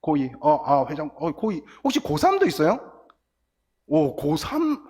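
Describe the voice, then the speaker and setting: A middle-aged man preaching a lively, story-filled sermon to teenagers, acting out scenes as he goes. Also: fairly high pitch, a little slow, breathy edge. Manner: animated storytelling, acts out crying and quotes. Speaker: guest pastor. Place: church sanctuary. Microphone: church sound system, recorded from booth. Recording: long church hall reverb.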